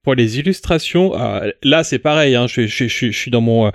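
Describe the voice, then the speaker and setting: A man's voice: medium pitch, expressive, normal speed, dry recording, clean studio sound. A man co-hosting a casual podcast about a novel, playful and a bit stammering. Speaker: podcast co-host. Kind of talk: casual book discussion.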